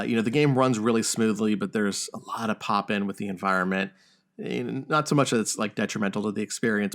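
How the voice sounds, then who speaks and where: A podcast host with a slightly bright voice on the low side chats casually about news and video games. His manner is wry, joking and mildly profane.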